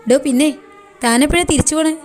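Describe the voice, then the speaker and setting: A woman's voice: high voice, fast, darkish tone, lightly acted. A woman voicing a teasing, easygoing young man in a spoken love story, chatting in a playful, bantering way.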